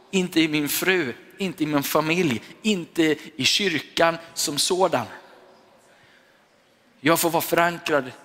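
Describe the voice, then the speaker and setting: A man's voice: a little high, fairly bright tone. A middle-aged man preaching a sermon as a pastor, telling a personal story with a few English asides. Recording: long reverb of a church hall.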